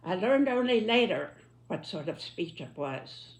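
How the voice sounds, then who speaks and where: A woman in her nineties gives a reflective spoken commentary, solemn and deliberate, with emphatic phrasing. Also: on the low side, sing-song. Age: 90s. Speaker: elderly commentator reflecting on history and politics.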